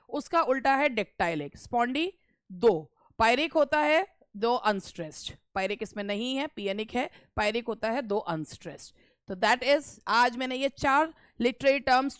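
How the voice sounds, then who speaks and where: A woman's voice: high-pitched, smooth, no room sound. A woman teaching English literature terms for exams, explaining step by step in a mix of Hindi and English and repeating the key terms. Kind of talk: exam-prep lecture mixing Hindi and English.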